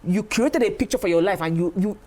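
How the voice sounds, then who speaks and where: A woman's voice: mid-range voice, quick pace, darkish tone. A Nigerian woman giving her opinions as a radio panellist, moving between English and Pidgin. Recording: clear background noise.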